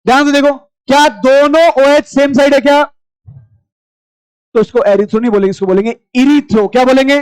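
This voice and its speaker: A man's voice: very high-pitched, steady tone, dry recording, poor audio. A man teaching chemistry to a class, firing short questions and repeating them as he goes. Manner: quizzing students with rapid repeated questions; familiar, addresses class as brother. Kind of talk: classroom lecture.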